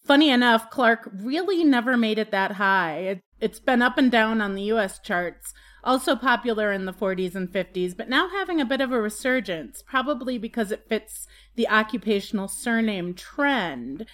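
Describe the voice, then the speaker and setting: A woman's voice: fairly high pitch, animated, normal speed, few pauses, a bit bright. Matter-of-fact woman co-host. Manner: matter-of-fact, reads out facts. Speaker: podcast co-host. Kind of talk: casual chat.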